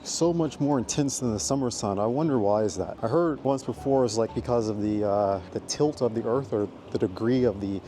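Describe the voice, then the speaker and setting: Soft background music plays as an American man vlogs while walking a city park path, talking chattily and rambling with lots of fillers. His mellow, medium-pitched voice goes fairly quickly with hardly any pauses.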